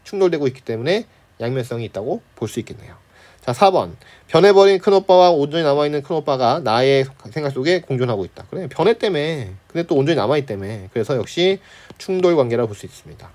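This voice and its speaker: An expressive man with a mid-range, slightly mellow voice teaches Korean literature by working through an exam problem set. The tutor chats freely, repeatedly checks in with "right?", sneers at wrong choices, and briefly acts out characters in playful asides.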